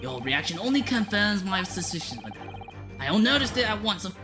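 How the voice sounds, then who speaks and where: A woman's voice: mid-range voice, very animated, brisk, music in the background, voice pushed up, lightly acted. A woman voicing a flamboyant, self-assured male Victorian detective in a theatrical, grandiloquent way. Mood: grandly deductive. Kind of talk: reading visual novel dialogue aloud.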